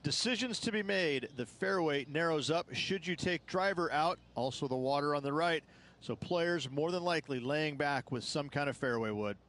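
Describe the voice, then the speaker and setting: A man's voice: a little high, lively intonation, moderate pace, a bit bright. A man as a golf commentator and analyst in a video game, explaining play emphatically.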